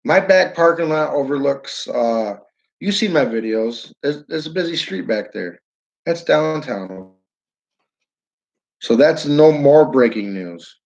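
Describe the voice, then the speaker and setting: Hosting a casual livestream from his downtown building, a man with a northern New York accent rambles, restarts sentences, and greets viewers by name. His voice is on the high side, expressive, slow and creaky, with a darkish tone, and the highs are cut off.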